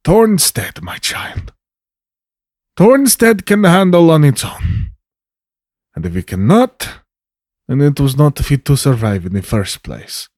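A man's voice: a little high, sing-song, takes it slowly, pauses often, darkish tone, no room sound, clean studio sound, exaggerated voice. A man playing a stern, commanding farmer father in his fifties in a tabletop game.

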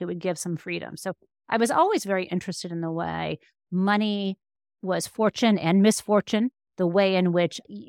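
A woman who is a law professor and author appears as an interview guest, answering conversationally and explaining as she goes, often restarting phrases mid-thought. Her voice is fairly low in pitch. The studio-quality recording has no echo.

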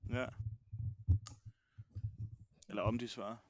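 A man's voice: on the low side, little pitch movement, no room sound. Casual young man chatting, dry close sound. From Jutland, Denmark. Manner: informal, swearing. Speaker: podcast co-host. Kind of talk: casual chat.

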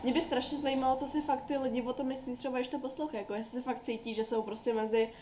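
A woman's voice: sits high, little pitch movement, dark tone, slight background noise. A young woman co-hosting a podcast, chatting casually in a slangy, giggly, rambling way. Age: young adult. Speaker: podcast co-host. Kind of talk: casual chat.

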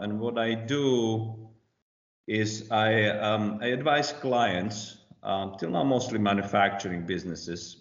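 A man's voice: fairly low pitch, vocal fry. A man in his forties, born in Slovakia, speaking as a guest in a casual interview with many fillers and restarts. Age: 40s. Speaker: compliance consultant, guest. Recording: muffled, roomy remote audio.

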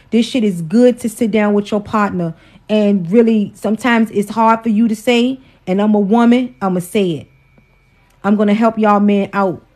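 A woman's voice: medium pitch, a little mellow. Woman, 40s, mid voice, outspoken and profane livestream host. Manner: outspoken, profane, preachy, teasing. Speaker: host, wife. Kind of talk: casual livestream relationship talk.

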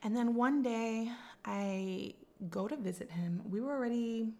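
A woman's voice: on the high side, unhurried, dark tone. A young woman co-hosting a podcast, chatting casually and emphatically, with lots of "like". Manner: emphatic, advice-giving, filler-heavy with "like". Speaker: podcast co-host. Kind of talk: casual chat.

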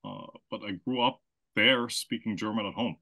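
Gravelly and sharp, the man's voice sits on the low side, holding a steady tone at a moderate pace. A guest on the interview, he works as a marketing consultant, comes from Austria and was raised in the Philippines, giving long conversational explanations with many restarts and repeated "right?" check-ins.

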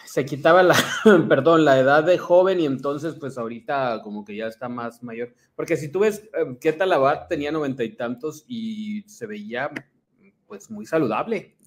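A man co-hosting a casual gossip chat, asking questions and adding quick quips. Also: mid-range voice. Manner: conversational, quips and asks questions. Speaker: co-host.

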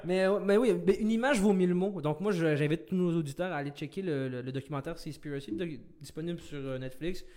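A man's voice: on the high side, quick pace, hardly any pauses, darkish tone. A man with a Québécois French accent, co-hosting a podcast in casual chat, with many fillers and easy laughs. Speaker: podcast co-host.

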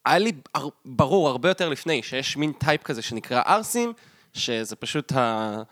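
A man's voice: medium pitch, lively intonation, fairly bright tone, no echo, studio quality. An Israeli man in casual podcast conversation as a co-host, talking colloquially and insistently, often repeating himself for emphasis.

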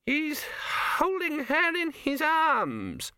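A man reading a story, voicing a very old, half-deaf male wizard who talks in a high, querulous, confused quaver. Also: wildly swooping pitch, drawn-out words, sharp tone, no room sound, studio quality, heavily acted. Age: older.

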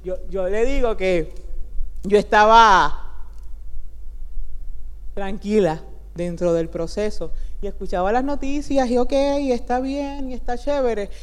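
A woman preaching a sermon, fervent in prayer and lively when telling stories. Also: medium pitch, slow, long pauses, clean tone. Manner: fervent, rising into prayer, then humorous storytelling. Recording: long hall reverb.

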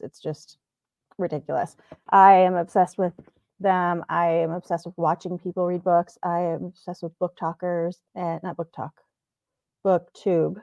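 A podcast co-host with a lowish voice laughs easily and rambles animatedly through her thoughts in a casual chat. The recording is dull and lo-fi, made in a dry space with no room echo.

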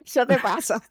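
A woman's voice: sits high, darkish tone, husky, dry recording. A woman podcast co-host with a Puerto Rican accent, chatting casually in a blunt, slangy, teasing way. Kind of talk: casual chat.

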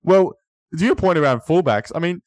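A man's voice: fairly high pitch, lively intonation, brisk, a little mellow, dry recording. An Australian man hosting a football podcast, chipping in with short, jokey remarks in casual chat. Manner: brief interjections, jokey. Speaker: podcast host.

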